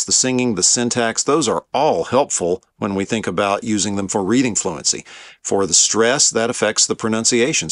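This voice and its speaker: A man with a fairly low voice delivers a calm, explanatory lesson on biblical languages, pausing now and then with small fillers. The sound is dry and close, with no room around it. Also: no room sound. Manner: measured, explanatory, occasional fillers. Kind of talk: lecture on biblical Hebrew.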